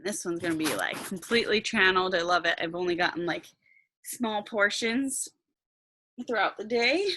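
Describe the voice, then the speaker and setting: A woman's voice: mid-range voice, normal speed, pushed and bright, no echo. A woman talking casually to a group as a meditation teacher, encouraging and checking in with her listeners. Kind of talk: casual, informal talk to a group.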